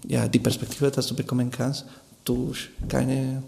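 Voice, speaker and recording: A man's voice: medium pitch, level tone, unhurried, creaky, darkish tone. A man, a Spanish speaker being interviewed in German on local radio, speaking hesitantly with frequent restarts as he searches for words. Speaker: guest, Spanish course teacher.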